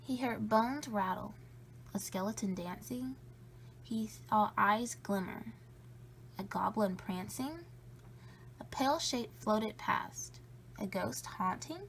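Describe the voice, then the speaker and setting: A woman reading a children's story aloud in a playful, spooky way, with drawn-out emphasis and a creaky edge. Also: mid-range voice, a little hiss or hum, low-quality recording. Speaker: storybook reader.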